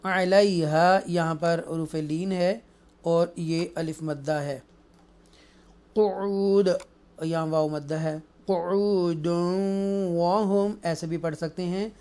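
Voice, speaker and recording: A man teaching Quran recitation rules, explaining in a mix of Urdu and English and then reciting verses slowly and melodiously. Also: a little high, steady tone, darkish tone, clean tone. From Pakistan. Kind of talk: tajweed lesson, explaining and reciting.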